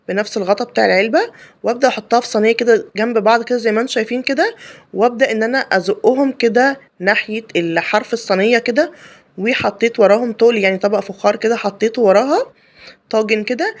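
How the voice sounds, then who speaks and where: Fast, chatty Egyptian woman cooking host. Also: medium pitch. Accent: Egyptian Arabic. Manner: chatty and explanatory, many fillers and restarts. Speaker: home cooking channel host. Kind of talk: casual cooking tutorial voice-over.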